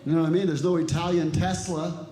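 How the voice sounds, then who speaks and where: A man's voice: a little high, fairly even intonation, quick pace, dark tone. Dry, self-deprecating stand-up comedian, a man. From Ecuador and El Salvador. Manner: dry, self-deprecating delivery with acted-out dialogue. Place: comedy club stage with a live audience. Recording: echoey room with audience noise.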